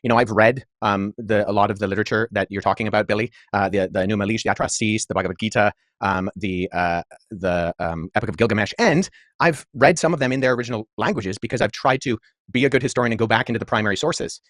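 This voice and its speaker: Fast, articulate low-voiced man. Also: fairly bright tone, no echo, clean studio sound. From Pakistan-born, raised abroad. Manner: articulate, measured, many asides. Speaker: debate guest, historian. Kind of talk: podcast debate.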